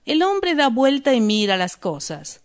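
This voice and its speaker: A woman narrating a story slowly and deliberately for language learners, then reviewing vocabulary. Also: high-pitched, sing-song. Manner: slow, deliberate, clear. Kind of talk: slow scripted narration for learners.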